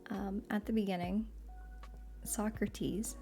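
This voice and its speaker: A woman's mellow, warm voice with a morning sleepiness to it. She chats easily and laughs often. Faint music plays behind her. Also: mid-range voice, takes it slowly. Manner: relaxed, chatty, laughs often. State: morning voice, still waking up. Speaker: streamer reading aloud. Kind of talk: soft live-stream reading and chat.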